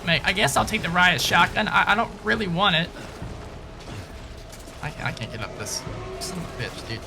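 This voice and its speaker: A man streams a video game live, giving casual gameplay commentary, chatting with viewers and swearing as he plays, with game music behind him. His voice sits high, sing-song and creaky, at a moderate pace.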